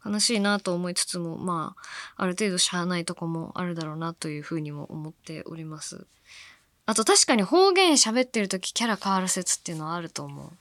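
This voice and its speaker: A woman from Fukuoka hosting a radio show, chatting casually and musing aloud, with soft-spoken asides between her points and listener mail. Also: fairly low pitch, animated, brisk, no echo. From Fukuoka, Japan. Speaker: radio host.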